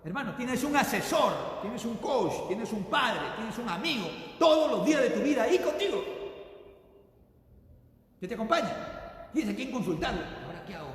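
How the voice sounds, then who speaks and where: A man preaching a sermon as pastor, swinging between loud bursts and hushed drops, often calling out to his brothers in the congregation. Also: very high voice, expressive, moderate pace. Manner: repeatedly addresses the congregation as brothers. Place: church sanctuary. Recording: very echoey hall with long reverb.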